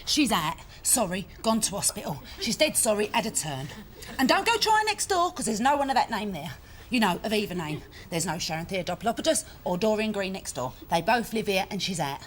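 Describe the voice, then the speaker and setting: A woman's voice: medium pitch, very animated, brisk, fairly bright tone. A flustered woman who babbles on, piling one excuse on top of another. Her voice sits mid-range with a little noise behind. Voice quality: rambling, gabbling. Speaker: sitcom character. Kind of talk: studio sitcom acting.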